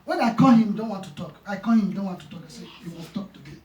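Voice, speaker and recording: A man's voice: high-pitched, fast, a little mellow, slight background noise. A man, preaching a sermon with passion, repeating his phrases and acting out conversations. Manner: impassioned, repeats phrases, retells dialogue. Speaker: pastor. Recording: echoey church room, mic far off.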